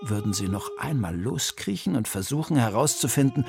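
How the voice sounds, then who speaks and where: A man narrating a children's mystery story in an animated, suspenseful way, close to a studio mic. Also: medium pitch, fairly quick, vocal fry, over music.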